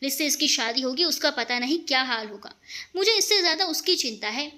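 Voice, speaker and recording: A woman's voice: high-pitched, expressive, a little fast, bright, forceful tone. A woman voicing an exasperated young man complaining about his clumsy younger sister. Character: exasperated young man, scolding older brother.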